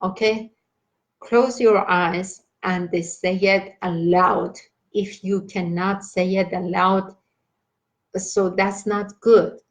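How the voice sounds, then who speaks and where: A woman leading a meditation class, giving slow, halting instructions with many pauses and fillers and repeating gentle reassurances. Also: mid-range voice, fairly even intonation, low-quality recording. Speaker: meditation teacher.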